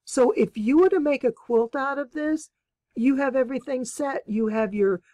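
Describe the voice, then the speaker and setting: A woman's voice: high-pitched, normal speed, dark tone, no room sound. Cheerful chatty woman, dry close sound. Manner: enthusiastic, chatty, exclaims over fabrics. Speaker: quilting channel host. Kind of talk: casual unboxing chat.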